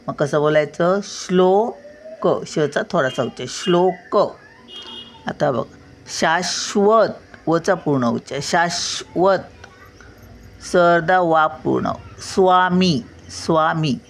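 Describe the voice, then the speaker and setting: Slow, low-voiced grandmother teaching reading. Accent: Marathi. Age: older. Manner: slow, careful pronunciation, repeats each word. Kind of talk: reading lesson for children.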